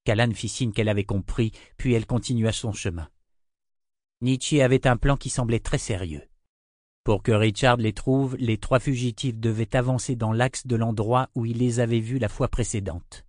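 A man reading a fantasy audiobook in a measured, steady narration. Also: medium pitch, no echo, studio quality.

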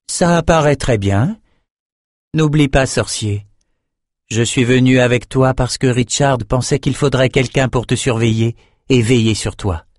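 A bold young sorceress, commanding and sure of herself, as a man puts her on. Her voice rises well above a man's usual register. She speaks firmly and loudly, in a very dry, close sound. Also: mid-range voice, measured pace, no echo, voice pushed up, lightly acted. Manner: raised, firm, assertive delivery.

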